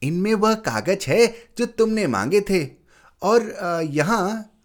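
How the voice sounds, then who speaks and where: A doting aunt, played by a man in an audio story, her voice pitched high and full of worried questions. She fusses and frets in a lively, swinging tone. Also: slow pace. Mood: sheepish. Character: woman, a fussing middle-aged aunt.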